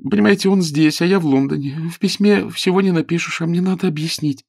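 A man reading a novel aloud, voicing an earnest young woman in love in a soft, raised girlish tone. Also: fairly high pitch, fast talker, gravelly, husky, dry recording, clean studio sound, voice pushed up. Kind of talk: audiobook character voice.

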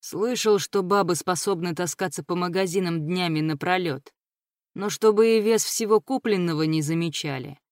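A woman reading the part of a crude, domineering male pirate captain in an audiobook, speaking slowly and heavily. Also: on the low side, a little mellow, no room sound, studio quality, close to an everyday voice. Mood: mocking.

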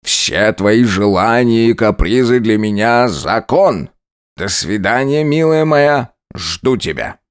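A man voicing a tipsy, eager newlywed husband who speaks slowly. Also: fairly low pitch, lively intonation, clean tone. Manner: slow, tipsy, slurred.

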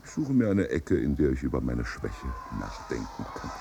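An actor playing a worldly, ironic gentleman in a 1950s radio drama, with a dry, wry manner. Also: rumbling low, huge pitch swings, moderate pace, vocal fry, exaggerated voice.

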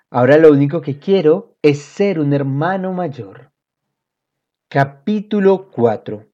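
A woman reading a children's book aloud in an expressive storytelling manner. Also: deep voice. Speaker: reader. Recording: dull lo-fi audio.

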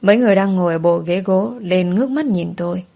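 A woman narrating a story in first person, steady and plain. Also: fairly low pitch, fast talker, gravelly.

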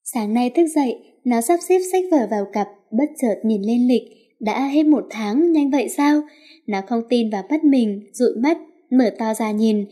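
Mellow, fairly high woman storyteller. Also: expressive, normal speed. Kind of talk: story narration.

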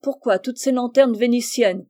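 A woman's voice: on the high side, moderate pace, dark tone, no room sound, pitched above the performer's own voice, lightly acted. A woman voicing a curious boy cousin asking wry questions.

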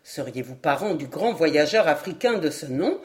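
A chatty, effusive gentleman traveler, read by a woman, who pours out words and hops from topic to topic with eager, raised energy. His voice rides a little louder than the narration around it, in an audiobook reading. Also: low-pitched, lively intonation, normal speed, pitched below the performer's own voice. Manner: voluble, effusive, jumps between topics. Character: talkative, excitable male foreign traveler.

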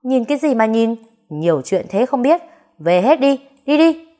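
A woman doing a sharp-tongued village aunt. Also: on the high side, moderate pace, pitched above the performer's own voice, lightly acted. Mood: scolding. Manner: scolding, snappish. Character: middle-aged aunt, sharp-tongued, scolding neighbors.

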